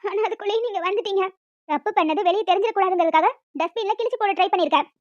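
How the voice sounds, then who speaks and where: A performer voicing a frightened seventh-grade girl in a cartoon, soft and tearful. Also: very high voice, rapid-fire, dry recording. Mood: pleading. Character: scared schoolgirl, seventh grade. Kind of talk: cartoon voice acting. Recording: dull lo-fi dry recording.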